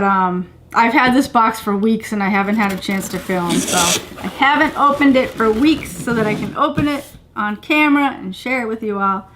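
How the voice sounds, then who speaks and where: A middle-aged woman with a mid-range voice chats casually to the camera from a couch in her home living room, with background noise in the clip. She's a vlogger unboxing a subscription box, mixing gushing exclamations with plain remarks.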